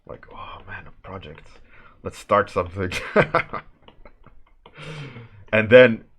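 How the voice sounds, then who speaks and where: This deep-voiced man takes his time as he speaks. He's a Swedish artist with a Swedish accent, casually chatting during a warmup drawing stream, rambling, restarting and laughing frequently while answering chat.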